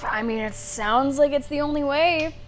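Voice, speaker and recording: A woman's voice: high-pitched, moderate pace. A woman game streamer giving casual live playthrough commentary and chatting with her viewers. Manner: chatty, thanks and addresses viewers. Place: voice over game audio. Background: faint game music.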